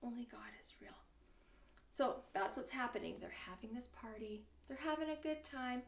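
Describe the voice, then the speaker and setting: A woman leading a children's church lesson, singing and telling a Bible story with animated delivery and sudden whispers for suspense. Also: a little high, normal speed, creaky, reverberant, far from the mic. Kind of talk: kids' Bible lesson with song.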